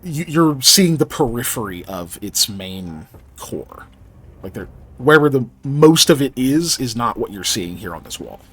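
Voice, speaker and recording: A man's voice: medium pitch, big pitch swings, measured pace, a bit bright, slightly rough. A man casually narrating a tabletop game as game master, explaining things in hesitant, broken-up phrases.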